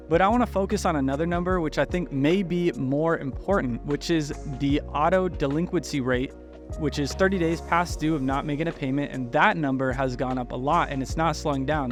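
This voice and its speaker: A man hosting a casual commentary, talking with cheeks still swollen after having wisdom teeth removed. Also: on the high side. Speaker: host.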